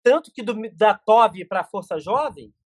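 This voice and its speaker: A middle-aged man from Brazil appears as a podcast guest, telling stories rapidly in casual chat with many restarts. His voice is high-pitched and animated, with no room sound.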